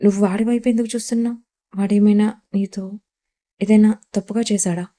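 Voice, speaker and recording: A woman's voice: medium pitch, fairly quick, mellow, lightly acted. A woman voicing a caring middle-aged mother-in-law in an audio story, asking concerned questions.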